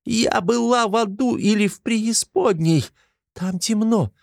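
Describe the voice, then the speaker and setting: A man's voice: unhurried, vocal fry, no echo, clean studio sound. A man voicing a hysterical young woman who shrieks and rages. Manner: shrill, screaming, hysterical. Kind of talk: audiobook character voice.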